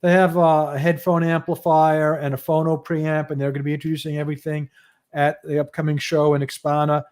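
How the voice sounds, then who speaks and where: A man's voice: a little high, little pitch movement, fairly quick, a little mellow, smooth. A man hosting a livestream show, giving audio news in a loose, rambling casual chat.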